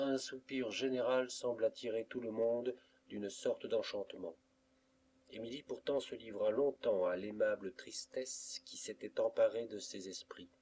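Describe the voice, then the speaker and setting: A man reading a classic novel aloud as an audiobook, in a measured literary way. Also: mid-range voice, darkish tone, slight background noise. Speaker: audiobook reader. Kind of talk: scripted narration of a classic novel.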